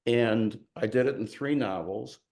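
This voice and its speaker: A man's voice: mid-range voice, measured pace, vocal fry, a little mellow. An older man from Chicago, a novelist giving an informal talk to an audience in a candid, self-deprecating and emphatic way. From Chicago, USA.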